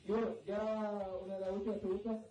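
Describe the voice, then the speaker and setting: A man's voice: sits high, level tone, fast talker, mellow. A man interviewing a guest at a live event, friendly and hesitant with many fillers. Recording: echoey, distant, with music.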